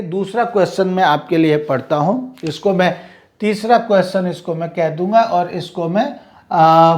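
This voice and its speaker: A man's voice: high voice, a little mellow. A male teacher giving a vocabulary lesson, spelling out words letter by letter.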